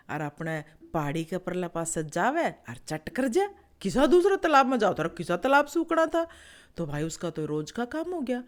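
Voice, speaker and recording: A woman with a low-ish, slightly mellow voice and a Haryanvi accent tells an animal fable in a chatty, folksy manner, repeating phrases for effect. She is a storyteller and show host.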